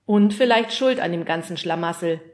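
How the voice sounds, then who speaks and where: A woman's voice: lowish voice, normal speed, darkish tone, close to an everyday voice. Woman doing a dry, earnest young boy. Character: level-headed young boy, dry and thoughtful.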